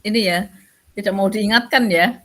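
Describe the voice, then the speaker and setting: A woman's voice: mid-range voice, moderate pace. A woman leading a group discussion among teachers, summing up and inviting others with brief prompts. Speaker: discussion moderator.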